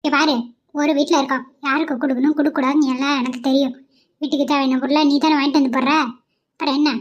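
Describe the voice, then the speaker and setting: A woman's voice: high voice, little pitch movement, very fast, lo-fi sound, lightly acted. A woman putting on a bossy, stingy older mother-in-law in a cartoon, scolding sharply.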